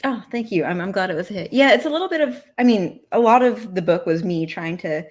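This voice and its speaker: A woman's voice: mid-range voice, animated, fast. A woman author chatting casually in a livestream interview, rambling with lots of "like" and playful self-deprecating asides. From United States. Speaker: author guest.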